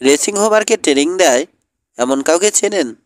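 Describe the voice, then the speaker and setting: A man's voice: on the high side, animated, normal speed, no room sound, studio quality, natural voice. A man voicing a clever, polite teenage boy detective who speaks earnestly.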